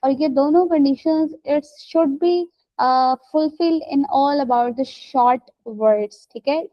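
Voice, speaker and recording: High-voiced woman teaching on a call. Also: no room sound, dull audio. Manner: explains step by step, checks understanding with "right?" and "theek hai". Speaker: English teacher. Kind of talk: online class teaching.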